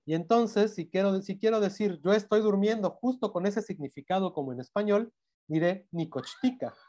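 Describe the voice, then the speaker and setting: A man's voice: sits high, normal speed, darkish tone. A man lecturing in a Mexican Spanish accent, explaining grammar step by step with frequent self-corrections and check-in questions. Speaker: university language teacher.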